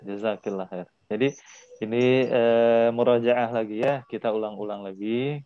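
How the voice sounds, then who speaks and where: A man's voice: medium pitch, fairly even intonation, normal speed, highs cut off, a little hiss or hum. A man teaching Arabic in an online class, patiently repeating words for his students to drill.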